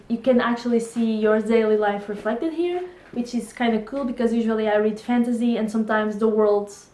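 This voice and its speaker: A Portuguese book vlogger in her twenties chats casually to camera about books in a Portuguese accent, laughing often and hesitating with fillers. Her voice is fairly high and a little mellow, and the room is echoey.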